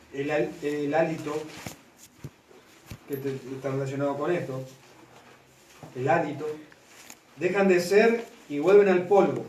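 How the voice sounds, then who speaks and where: A man delivers a sermon, checking in with his listeners again and again. His voice sits a little high for a man. He is recorded from some way off in an echoey room. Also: darkish tone, slight background noise. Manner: asks the congregation for constant confirmation. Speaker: pastor. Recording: echoey room, mic at a distance.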